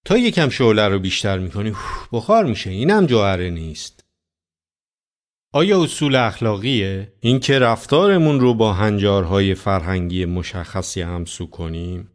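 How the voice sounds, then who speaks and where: A man's voice: lowish voice, lively intonation. A man preaching a sermon as a pastor, talking conversationally and putting many rhetorical questions to his listeners.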